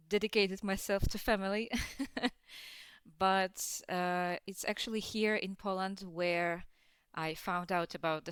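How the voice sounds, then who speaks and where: Low, clear-voiced woman from Russia. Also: fairly bright tone, no echo. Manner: hesitant, many fillers, laughs often. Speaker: guest, dance teacher. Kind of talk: casual podcast interview.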